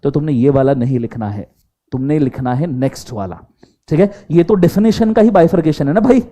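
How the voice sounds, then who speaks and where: A man's voice: a little high, fairly quick. A man teaching law in a classroom lecture, mixing Hindi and English and often asking the class to answer aloud. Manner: animated, quizzes the class in Hindi mixed with English.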